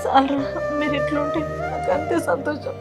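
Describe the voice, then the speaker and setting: Woman as a tearful middle-aged village mother, very high voice, sobbing pleas, music behind. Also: very animated, normal speed. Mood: tearful pleading. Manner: sobbing, pleading, lamenting. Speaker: mother visiting her married son.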